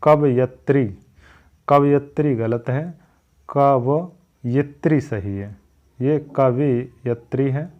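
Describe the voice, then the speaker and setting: Brief: male teacher, very slow deliberate delivery, muffled lo-fi sound, repeats words over and over. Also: medium pitch. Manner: drills each word slowly, repeating correct and wrong forms. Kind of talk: Hindi spelling lesson.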